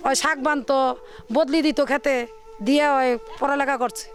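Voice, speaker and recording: High-voiced village woman, informal. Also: flat delivery, normal speed. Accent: rural Dhaka-area Bangladeshi. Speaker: interviewee, local villager. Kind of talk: informal interview answer.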